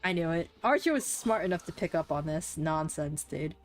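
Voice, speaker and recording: A woman's voice: low-pitched, expressive, normal speed, soft background music. A young woman casually commenting while streaming a game, chatty and full of fillers, laughing and swearing.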